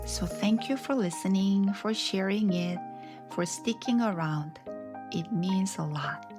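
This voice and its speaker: A middle-aged podcast host reads scripted narration over music, reflective and in no rush. Her mid-range voice is slightly scratchy after a bout of strep throat.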